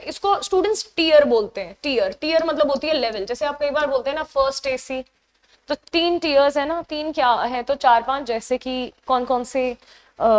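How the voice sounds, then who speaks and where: High-voiced Indian woman teaching English. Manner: mixes Hindi and English, reads example sentences slowly. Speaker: English teacher for exam aspirants. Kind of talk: online exam-prep lesson.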